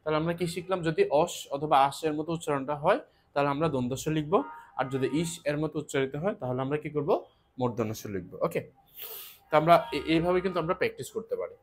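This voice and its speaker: A male teacher with a slightly high voice leads a spelling lesson for exam students. He poses a question, then supplies the answer himself, and draws out each key word slowly. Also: animated. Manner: repeats key words slowly.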